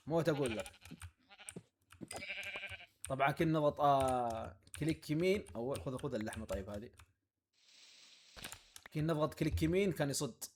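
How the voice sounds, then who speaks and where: Over faint game music, a gaming YouTuber with a medium-pitched voice and a slight hiss or hum delivers casual let's-play commentary. He's playful and excitable, chatting to himself and to the animals in his game.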